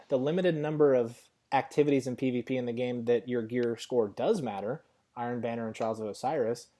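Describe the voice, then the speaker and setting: A man's voice: mid-range voice, mellow. A young man co-hosting a podcast, chatting casually and joking with sarcasm. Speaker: podcast co-host. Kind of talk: casual gaming chat. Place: Arizona.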